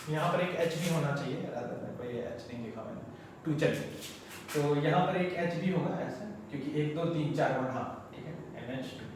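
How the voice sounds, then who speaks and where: A male chemistry teacher, lecturing at the board in a chatty, coaxing way and repeating terms slowly for students. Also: a little high. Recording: very echoey room, mic far off, faint noise.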